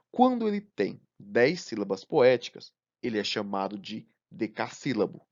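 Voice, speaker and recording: A man narrating a recorded lesson, slow and deliberate, counting syllables aloud one by one. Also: mid-range voice, darkish tone, dull audio. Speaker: teacher.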